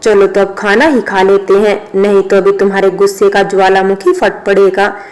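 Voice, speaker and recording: Brief: a sarcastic young drinking man, level monotone delivery, a woman reading him. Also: medium pitch, normal speed, lightly acted. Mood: teasing. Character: brash young man who drinks, gruff then teasing.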